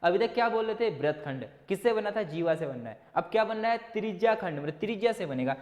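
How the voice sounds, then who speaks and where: A man's voice: sits high, animated, quick pace, long reverb tail, muffled recording. A man teaching a maths lesson for exam students, asking questions and answering them himself, with some encouraging pep talk. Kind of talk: whiteboard exam-prep lesson.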